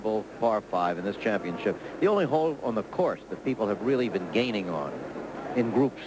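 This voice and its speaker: Male golf commentator, medium pitch with big swings, exclamatory, loud background din. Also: animated, fairly quick. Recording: very noisy outdoor broadcast.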